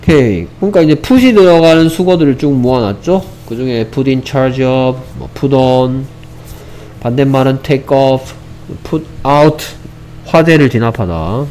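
A man's voice: mid-range voice, slow pace, a little mellow, a little hiss or hum. A man teaching an English vocabulary lesson. He explains step by step, repeats each phrase, and mixes English examples into his explanations, speaking English with a Korean accent.

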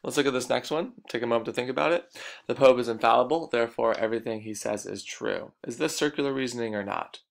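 Gravelly-voiced man explaining a lesson. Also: mid-range voice, fast talker. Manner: explanatory, repeats key points. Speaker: teacher. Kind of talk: recorded lecture.

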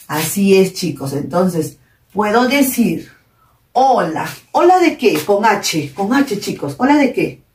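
A woman with a Peruvian Spanish accent, a primary school teacher reviewing a lesson for young pupils, encouraging and praising often. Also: medium pitch. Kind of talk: recorded online class review. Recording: echoey room, mic at a distance.

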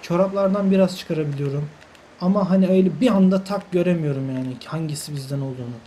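A man's voice: on the high side, fast talker, mellow, slight background noise. A young man commenting live on his own football video game, exasperated, urging his players on and repeating himself as things go wrong. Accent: Turkish. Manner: exasperated, talks to players on screen, swears by God, repeats himself. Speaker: gaming channel host.

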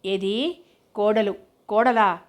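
A woman's voice: mid-range voice, slow pace, close to an everyday voice. A woman voicing a young adult son who is puzzled and wry, questioning in his manner.

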